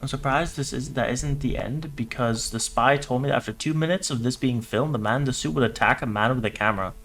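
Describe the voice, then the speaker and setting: A streamer reacting to horror videos reads the captions aloud and riffs on them with jokey, irreverent swearing. His mid-range voice is brisk and a bit bright, in a casual livestream.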